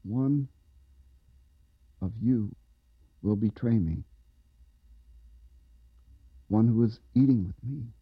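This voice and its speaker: A man voicing a calm male teacher who speaks slowly and with measured authority. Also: on the low side, husky, no echo, phone-quality sound, pitched below the performer's own voice, heavily acted. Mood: solemn.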